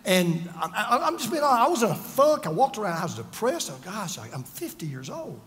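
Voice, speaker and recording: Pitched high and fairly bright, his delivery is very animated and a little fast. He's a pastor over fifty giving an emphatic, earnest sermon laced with personal stories and humor at his own expense; the long reverb of a large hall is audible.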